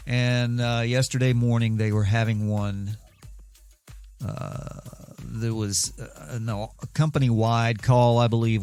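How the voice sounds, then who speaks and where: A man's voice: medium pitch, a little mellow. Rambling, wry man hosting a podcast. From southeastern United States. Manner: rambling, wry, self-deprecating storyteller. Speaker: podcast host. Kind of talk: casual solo podcast monologue.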